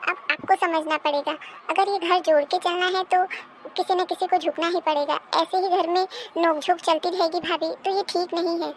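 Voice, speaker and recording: Cartoon: a gentle, reasoning young married daughter, voiced by a woman, very high voice. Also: steady tone, normal speed, slight background noise. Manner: soothing, advising, reasonable. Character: calm, sensible married daughter visiting home. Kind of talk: cartoon dubbing.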